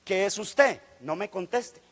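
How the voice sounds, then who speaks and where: Man, fervent sermon, very high voice, long church reverb. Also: lively intonation, slow pace, fairly bright tone. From Guatemala. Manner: fervent preaching, acts out quoted voices, rising to exclamations. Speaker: guest preacher. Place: church sanctuary.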